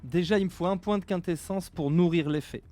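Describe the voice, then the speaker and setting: A man narrating a tabletop role-playing game as game master, with dramatic pauses. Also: sits high, mellow, faint music behind.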